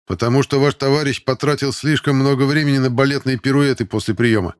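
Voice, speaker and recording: A man's voice: medium pitch, fairly even intonation, fast talker, smooth, voice pushed up, natural voice. A man voicing a stern male sergeant instructor who barks commands and mocks drily, in an audiobook. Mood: commanding. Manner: barking commands, loud and clipped.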